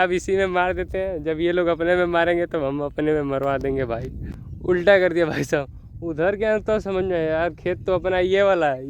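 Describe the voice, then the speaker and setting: Young guy vlogging outside in the fields, kinda high voice, laughing at his own mistake, faint noise behind. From northern India. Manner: rueful, self-mocking, chatty, says "bhai sahab" often. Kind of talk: casual vlog talk to camera. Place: outdoors in farm fields, then at home.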